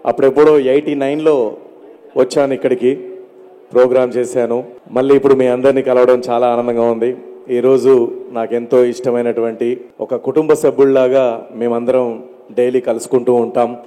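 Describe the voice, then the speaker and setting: A man's voice: medium pitch, little pitch movement, moderate pace, pauses often, warm tone. A man doing stand-up comedy with mimicry on stage, telling his stories chattily and landing punchlines. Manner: chatty storyteller, punchline delivery. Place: stage at an award ceremony. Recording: reverberant stage PA sound.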